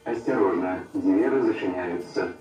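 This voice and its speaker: A man's voice: deep voice, moderate pace. A man giving a formal recorded station announcement over a PA system inside a moving metro train. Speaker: transit announcer. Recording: distant echoey loudspeaker over loud train noise.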